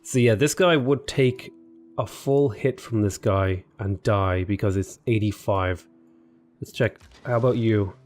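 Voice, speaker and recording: Sounding a bit sniffly and unwell, a gaming YouTuber casually comments on his strategy game play, rambling, thinking aloud and addressing his units. His voice is fairly low and darkish in tone, and he keeps a measured pace.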